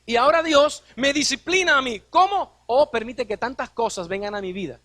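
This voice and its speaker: A man's voice: very high voice, moderate pace, sharp tone, no echo. A man preaching a sermon as a pastor, posing rhetorical questions and acting out quoted dialogue.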